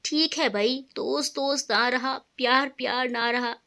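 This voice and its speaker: A woman voicing a joking, flattering young man who is nervous around his friend's wife, in a storybook reading. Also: sits high, measured pace, exaggerated voice. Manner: jokey, flattering.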